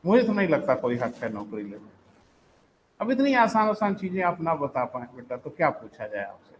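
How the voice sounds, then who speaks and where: A man teaching economics to a live class, quizzing and scolding students and dictating notes slowly. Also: on the high side, a little hiss or hum, rough recording.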